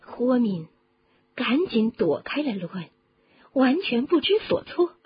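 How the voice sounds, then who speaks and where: A woman reading a storybook aloud with dramatic, expressive narration that drops low for suspense. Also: takes it slowly, breathy edge, dull audio. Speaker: audiobook reader.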